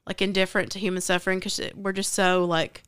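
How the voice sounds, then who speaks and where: Smooth-voiced Southern woman chatting. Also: medium pitch, little pitch movement, fast, a bit bright, no echo, clean studio sound. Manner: rambling retelling with many fillers. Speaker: podcast host. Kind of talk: casual book chat.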